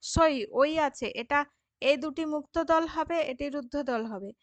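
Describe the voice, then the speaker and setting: Higher-voiced woman teaching grammar. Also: moderate pace, no echo. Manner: patient, repeats examples and asks checking questions. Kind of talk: classroom lesson explaining grammar.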